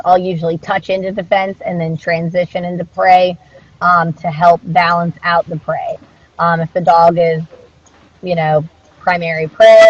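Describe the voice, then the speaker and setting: A woman speaking as an interviewed dog trainer in a casual conversational style, earnest and reflective in an informal way. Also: lowish voice. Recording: dull, muffled lo-fi audio.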